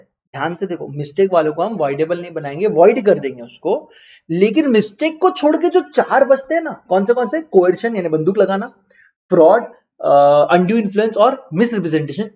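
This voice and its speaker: A high, somewhat dark-toned male voice, recorded with lo-fi quality. He's a teacher with an Indian accent giving an online lecture, posing questions and answering them himself. He keeps repeating key terms and mixes English terms into his Hindi.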